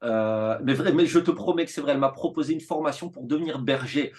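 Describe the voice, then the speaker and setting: A man in his thirties, a teacher telling his school story in a relaxed interview, animated and full of fillers and restarts. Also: mid-range voice, quick pace. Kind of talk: casual conversational interview.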